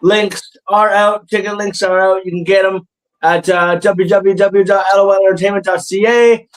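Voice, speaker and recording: On a rough recording, a podcast host in his thirties talks in a high-sitting voice that holds a steady tone at a moderate pace. The chat is loose comedy banter, full of laughter, cursing and fillers.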